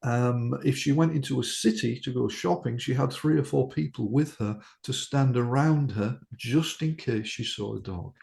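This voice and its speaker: A man with a gravelly, creaky voice in a middle pitch, telling a story from his hypnotherapy practice. He talks in a loose, anecdotal way, restarting sentences and filling gaps with ums. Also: moderate pace, few pauses, a little mellow. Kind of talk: casual podcast storytelling.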